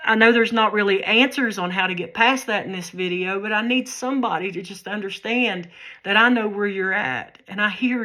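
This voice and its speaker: Earnest woman with a bright voice. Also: medium pitch. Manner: earnest, repeats and restarts phrases, folksy grammar. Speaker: faith vlogger. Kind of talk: heartfelt personal testimony.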